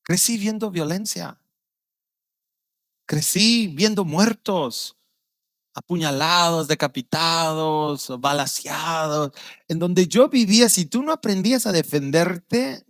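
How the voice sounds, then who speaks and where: A male pastor with a Guatemalan Spanish accent preaching a sermon, telling stories with vivid acted-out voices and dropping low and quiet on serious points. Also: slow pace, no echo. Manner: storytelling, acting out quoted voices with sudden loud outbursts.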